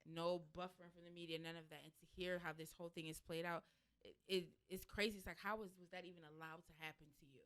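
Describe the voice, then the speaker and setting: A woman's voice: lowish voice, level tone, fast, a bit bright, clear, resonant tone. A woman co-host in casual chat who reacts sympathetically with short interjections.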